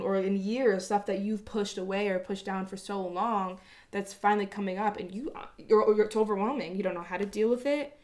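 A woman talking to her viewers in a reflective personal monologue, earnest and rambling, with casual swearing. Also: mid-range voice. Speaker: vlogger.

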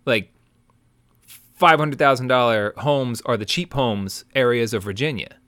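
A man in the middle of his range hosts a sports podcast, talking in an animated, emphatic way. He throws out rhetorical questions and keeps checking in with "right?". The sound is dry and close, with no room around him. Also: mid-range voice, a little slow, no echo. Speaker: podcast host. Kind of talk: opinionated sports talk monologue.

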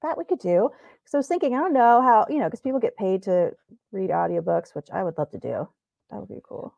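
A woman's voice: mid-range voice, animated, brisk, gravelly, mellow, dry recording, highs cut off. A woman co-hosting a podcast, chatting casually and laughing often as she rambles through her ideas. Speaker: podcast co-host. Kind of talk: casual chat.

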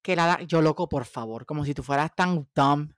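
A woman's voice: low-pitched, normal speed, no room sound, clean studio sound. A Puerto Rican woman in her twenties chatting casually in Spanglish, dropping English words into her Spanish. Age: 20s. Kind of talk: casual chat.

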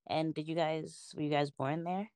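A young woman hosts a casual podcast chat in a low, steady voice. She sounds relaxed and encouraging as she guides her guests along. The sound is close and dry. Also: normal speed, clear, resonant tone, dry recording. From United States. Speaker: podcast host.

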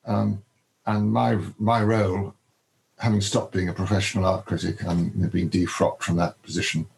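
An older man, a biographer, answering interview questions in a halting way, with many ums and restarts. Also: sits low, little pitch movement, creaky, darkish tone, rough recording.

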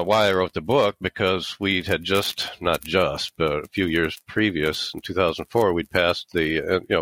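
A middle-aged man giving explanatory interview answers, starting haltingly and then making his points emphatically. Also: sits low, fairly bright tone. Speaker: interview guest, author and former aerospace engineer.

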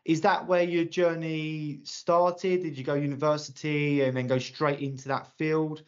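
A man's voice: on the high side, little pitch movement, unhurried, smooth, lo-fi sound. A man hosting a podcast interview, with a friendly manner. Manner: friendly, laughs often. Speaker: podcast host.

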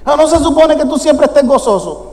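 Pastor de voz aguda con eco de iglesia. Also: male voice, very high voice, expressive, fairly quick, mellow. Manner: emphatic preaching with questions to the congregation. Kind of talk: sermon. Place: church sanctuary. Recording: long church hall reverb.

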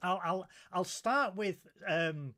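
A man with a slightly high voice who hosts a live show. He moves from sweeping, mock-grandiose welcomes to dry, sardonic teasing. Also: slow, bright, forceful tone. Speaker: host. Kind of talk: theatrical show introduction and banter.

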